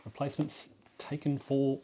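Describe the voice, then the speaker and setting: A man's voice: mid-range voice, completely flat delivery, moderate pace, warm tone, a little hiss or hum. Man thinking aloud over a board game. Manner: thinking aloud, counting moves, frequent ums. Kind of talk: solo playthrough commentary.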